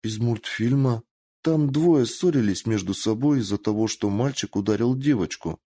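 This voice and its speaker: A man voicing a giggly young female fox werewolf who talks in shrill squeals and whines. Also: moderate pace, warm tone, husky. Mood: curious, naive.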